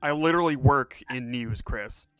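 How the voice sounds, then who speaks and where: A man's voice: mid-range voice, moderate pace, a bit bright, clear, resonant tone, no room sound, soft background music. A man streaming a game, joking around casually and reading its narration aloud. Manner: joking, laid-back, reads narration aloud.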